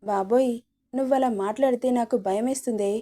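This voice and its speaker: A woman's voice: fairly high pitch, moderate pace, dark tone, close to an everyday voice. A woman voicing a playful young husband, a doctor, in a storybook reading, with sulky, teasing banter.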